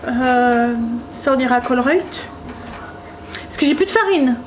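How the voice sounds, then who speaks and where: Brief: high-voiced woman, northern French accent, chatty home vlogger who rambles and hesitates, noisy home recording. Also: animated, unhurried. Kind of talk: casual home vlog chat.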